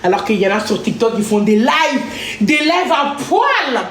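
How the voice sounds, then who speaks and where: Playful high-pitched woman, casual livestream host cooking at home; very echoey room with background noise. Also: very animated, moderate pace. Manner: playful, sings and chants to herself. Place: home kitchen.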